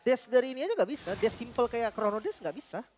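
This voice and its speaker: A man's voice: very high-pitched, quick pace, background noise. A man giving analytical live esports commentary, dropping in English phrases. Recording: music behind the voice. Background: music.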